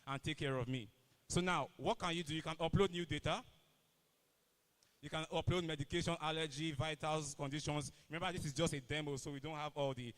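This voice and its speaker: A man's voice: on the high side, fairly bright tone. A young Nigerian man with a Nigerian accent giving a casual live demo of an app, often saying "you know". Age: young adult. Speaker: student presenter. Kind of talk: live product demo presentation.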